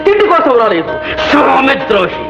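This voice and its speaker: A man's voice: very high-pitched, huge pitch swings, moderate pace, vocal fry, highs cut off, full character voice. An actor playing a bogus wandering astrologer posing as a holy man, chanting in grandiose old-style speech. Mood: pompous. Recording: roomy old film soundtrack with loud music.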